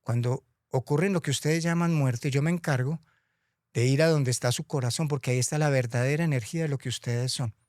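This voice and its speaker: A man voicing Death as a calm, wise female figure who speaks slowly and softly in a spoken storytelling tale. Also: mid-range voice, vocal fry, dry recording, clean studio sound. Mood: serene. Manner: slow, soft and measured.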